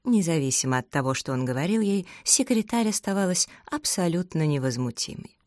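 Low-voiced woman reading a novel aloud. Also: dry recording, clean studio sound. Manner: steady, measured storytelling. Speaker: audiobook reader. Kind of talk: scripted narration.

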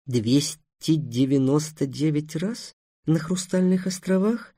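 A man voicing a gruff, weary knight-mage who mutters curtly in a husky, wheezy voice. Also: on the high side, slow pace, dark tone, no echo, studio quality. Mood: baffled. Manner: curt, heavy, muttered.

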